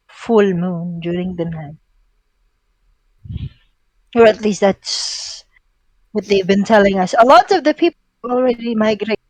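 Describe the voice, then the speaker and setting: Lady doing a frail old blind elf woman, soft, halting, formal, dry close sound. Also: mid-range voice, no echo, close to an everyday voice, low-quality recording.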